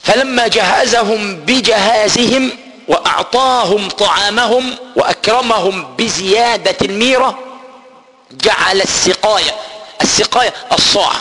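A man teaches scripture in a very high, bright voice. He retells the story, explains the old words and slowly chants the verses. Long reverb from a hall trails behind him. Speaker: Quran teacher. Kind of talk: Quran exegesis lesson.

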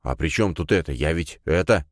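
A man voicing a gruff young criminal henchman who grumbles in slang, in an audiobook. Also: rumbling low, expressive, brisk, no room sound, studio quality. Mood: grumbling.

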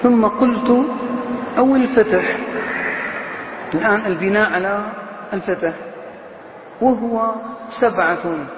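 A man teaching a grammar lesson to a class. He drags out example words slowly, chants lines of verse and puts questions to his students. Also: high-pitched. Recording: echoey hall, slightly dull sound, faint noise.

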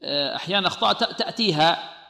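A man teaching Quran recitation in a radio lesson, who asks questions, answers them himself and chants the verse examples slowly. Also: a little high, lively intonation, vocal fry, pushed and bright. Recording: echoey reverberant room.

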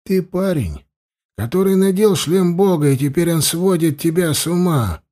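A man's voice: fairly high pitch, lively intonation, normal speed, dark tone, voice pushed up. A man voicing an irritable young priest who scolds his companion in an audiobook. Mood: patient. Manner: exasperated, scolding.

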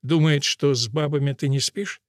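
A man's voice: on the high side, normal speed, no echo, studio quality, close to an everyday voice. A man reading an audiobook, voicing a bitter young woman who mutters with muted anger. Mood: sardonic.

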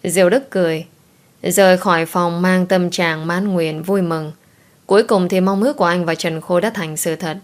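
A woman narrating a romance audiobook in a calm, even reading. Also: lowish voice, normal speed. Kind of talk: scripted story narration. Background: soft music.

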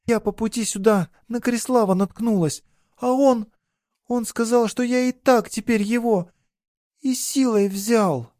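A man's voice: measured pace, a little mellow, no room sound, studio quality. A man voicing a tearful pleading village girl. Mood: desperate pleading. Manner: breathless, pleading, high and strained. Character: distraught young peasant girl, tearful and pleading.

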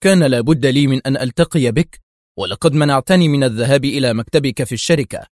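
A man's voice: medium pitch, fast talker, a little mellow, dry recording, close to an everyday voice. Brief: jumpy beaten-up drug dealer, as a male narrator puts him on, raised and strained, dry close voice. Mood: agitated. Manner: agitated, pleading.

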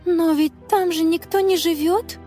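A woman voicing an eager, excitable young girl in an audiobook story, pleading and breathless. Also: very high voice, measured pace, faint music behind, pitched above the performer's own voice.

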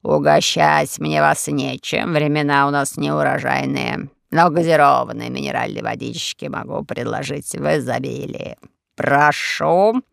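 A man's voice: on the high side, a little slow, vocal fry, a bit bright, no echo, studio quality, pitched below the performer's own voice, heavily acted. A man voicing a sly, pompous old male castle lord in an audiobook, drawling each word with mock courtesy. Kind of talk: audiobook character voice.

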